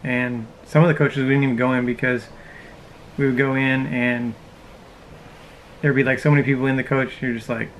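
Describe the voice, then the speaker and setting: A man's voice: mid-range voice, level tone, moderate pace, long pauses, slight background noise, low-quality recording. A man in his thirties chatting casually in an easygoing, rambling way, seated inside a parked RV and speaking to a camera close in front. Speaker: vlogger. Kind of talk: casual chat.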